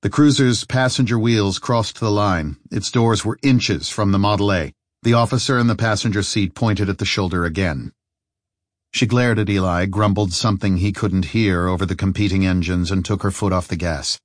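Low-voiced male audiobook narrator. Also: normal speed, no room sound, studio quality. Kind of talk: scripted narration.

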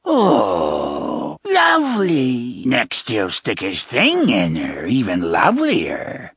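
A man's voice: medium pitch, wildly swooping pitch, slow, fairly bright tone, slightly rough, no echo, studio quality, exaggerated voice. A man voicing a group of spiteful old nuns who mock and jeer. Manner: mocking, jeering.

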